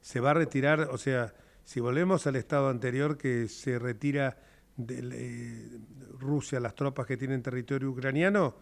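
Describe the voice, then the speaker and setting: A man's voice: mid-range voice, steady tone, normal speed, creaky. A man hosting an interview who presses his guest with probing follow-up questions. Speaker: interviewer host. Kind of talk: conversational interview.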